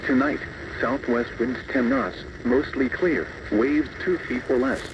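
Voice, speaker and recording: A synthetic text-to-speech male announcer voice, medium in pitch and unhurried, reads a scripted weather bulletin impersonally in short, clipped phrases. The mic sounds distant, and the audio comes through muffled, noisy radio reception.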